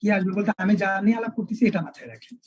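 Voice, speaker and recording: A male English teacher, lecturing an online class and spelling words out slowly with repeated examples. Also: high-pitched, a little mellow, slightly rough, no echo, poor audio.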